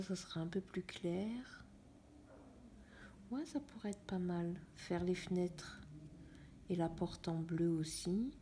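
Softly musing woman, mellow voice. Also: on the low side, a little hiss or hum. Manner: soft, half-whispered musing while coloring. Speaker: vlogger. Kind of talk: casual coloring vlog chat. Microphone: phone camera.

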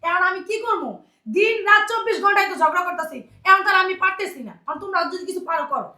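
A woman's voice: extremely high pitch, fast talker, pushed and bright. An actress playing a tired young daughter complaining to her parents. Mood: weary.

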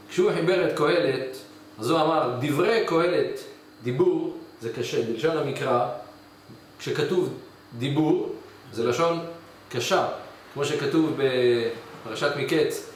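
A male rabbi preaches a sermon to his study hall, acting out parables and jumping into raised, excited voices. His voice is fairly high for a man and reaches the mic from a distance. It rings heavily around the hall, with a faint hiss underneath. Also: long pauses. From Israel. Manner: storytelling, acts out mountains and scolding spouse in raised voice. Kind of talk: weekly Torah portion sermon with parables.

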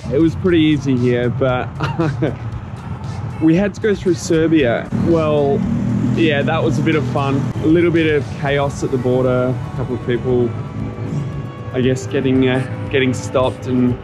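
Filming his travels with a handheld camera at arm's length, this young Australian vlogger talks in a medium-pitched, fairly even, slightly slow voice. He's chatty and upbeat and laughs a lot as he goes from apartment to bus to border checkpoint, with music in the background.

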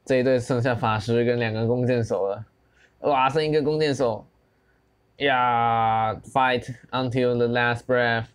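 Excitable young man commentating gameplay. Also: mid-range voice, measured pace, clear, resonant tone. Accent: Taiwanese Mandarin. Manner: excited, switches between Mandarin and English, lots of exclamations. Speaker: gaming channel host.

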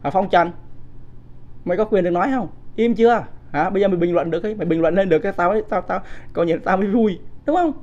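A man's voice: high-pitched, quick pace, a little mellow, dull audio. A man, hosting a livestream of political commentary. He talks off the cuff, keeps asking the audience rhetorical questions, and scolds commenters bluntly. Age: 50s. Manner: combative, scolds viewers in blunt coarse language.

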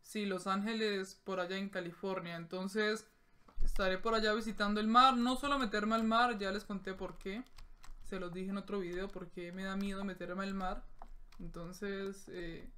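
A young man in his late teens from Colombia, chatting through live gameplay commentary and bursting into excited yells and swearing during fights. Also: high voice, normal speed. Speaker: gaming youtuber.

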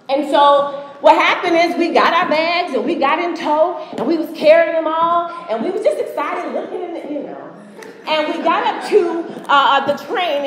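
A woman from the United States gives a motivational conference speech in a large hall, telling a story and addressing the audience directly. Her voice is high with a fairly bright tone. The echoey hall adds long reverb.

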